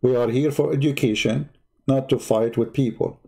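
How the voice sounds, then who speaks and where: With a dark, a bit husky voice and combative edge, an Arabic-speaking debate host attacks opponents on a heated live stream using mocking rhetorical questions. He keeps a medium pitch, fairly even intonation and a moderate pace.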